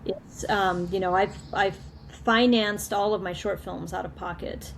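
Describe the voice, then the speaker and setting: A woman's voice: medium pitch, fairly even intonation, unhurried, creaky. Chatty woman filmmaker guest, restarts a lot, laughs easily, video call sound with faint noise behind. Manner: chatty, repeats words and restarts, laughs often. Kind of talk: casual video call interview.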